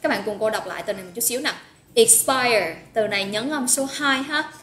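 A woman's voice: fairly high pitch, lively intonation, racing, bright, forceful tone. A woman teaching an English vocabulary lesson live online, upbeat, praising students by name and drilling pronunciation. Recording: echoey room with faint noise.

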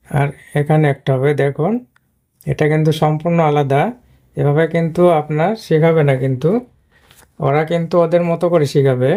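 A man's voice: a little high, dark tone. A man teaching English pronunciation in a screen-based video lesson, explaining patiently and repeating himself often. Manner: patient, repetitive explaining with frequent "but" fillers.

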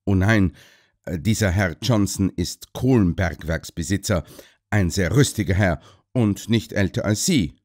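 A man's voice: sits low, unhurried, a little mellow. A polite hotel clerk answers questions with a hesitant, umming manner, as a male narrator voices him. He sounds courteous and careful. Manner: hesitant with fillers.

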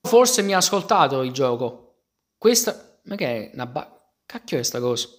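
A young man, giving excitable, casual commentary on a Minecraft game and talking straight to his viewers. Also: mid-range voice, normal speed. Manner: excitable, exclaiming, talks to viewers as "raga". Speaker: gaming youtuber.

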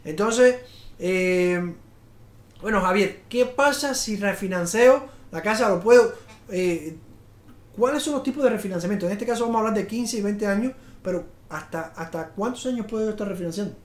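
A man's voice: high-pitched, moderate pace. A middle-aged man hosting a live talk on home finance, rambling with restarts and fillers in an upbeat sales tone. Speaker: realtor and show host. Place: studio in front of a slide screen. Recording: echoey studio room.

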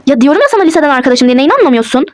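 Defiant young wife played by a woman for a toy role-play: high voice, very quick, dismissive retorts. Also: big pitch swings, darkish tone.

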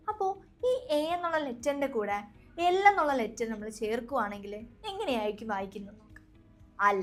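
A woman's voice: high voice, a bit bright. A young woman with a Malayali accent teaching an English lesson, patiently repeating each sound and quizzing her listeners. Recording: faint background music.

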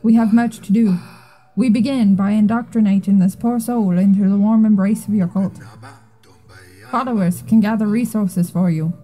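A woman's voice: medium pitch, steady tone, normal speed, mellow, soft background music, close to an everyday voice, rough recording. A woman voicing a male mole-like guide creature from a video game, reading its lines in a made-up accent that drifts around. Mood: solemn. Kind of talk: reading game dialogue aloud.

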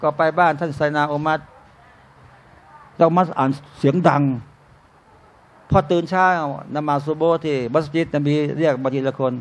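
A man with a high-pitched voice teaches a room full of listeners in a relaxed, conversational sermon. He keeps addressing them as brothers and sisters and throws rhetorical questions at them. He slips into short, jokey everyday scenes along the way. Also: normal speed, long pauses. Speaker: Islamic religious teacher. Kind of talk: informal sermon to a live audience. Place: restaurant used as a talk venue.

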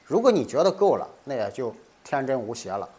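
A man's voice: medium pitch, sing-song, a little fast, warm tone. A middle-aged man hosting a legal commentary, delivering a scripted monologue with indignant rhetorical questions.

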